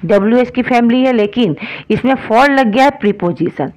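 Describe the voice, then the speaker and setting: Indian woman, grammar teacher online, a bit high-pitched, patient and repetitive, slows down for examples. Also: expressive, darkish tone, highs cut off. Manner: explains in Hindi, often asks if it is clear; slows right down to spell out example sentences.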